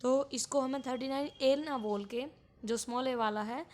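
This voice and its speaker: A woman teaching an exam-prep lecture in a slow, explanatory way, repeating points for students. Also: high-pitched, fairly even intonation, a little mellow.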